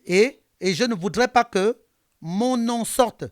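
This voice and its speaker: A man's voice: sits high, slow pace, no echo, clean studio sound, voice pushed up. A man quoting an anonymous woman caller who pleads with him insistently at night. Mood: pleading.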